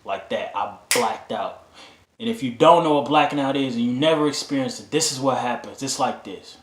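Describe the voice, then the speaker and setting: A male vlogger with a medium-pitched voice and a moderate pace tells a personal story to his own camera, emotional and candid, repeating himself and using casual slang. There is slight background noise and a roomy echo.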